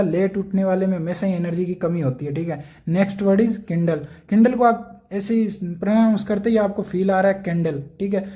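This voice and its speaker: Mellow-voiced man teaching vocabulary. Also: sits high. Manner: explains step by step, often checks in with "theek hai". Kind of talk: casual lecture.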